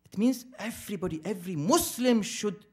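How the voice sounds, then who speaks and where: A man's voice: sits high, animated, brisk. A man speaking at an interfaith program, lecturing a live audience and asking rhetorical questions that he answers himself. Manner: emphatic, preacherly. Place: community center event.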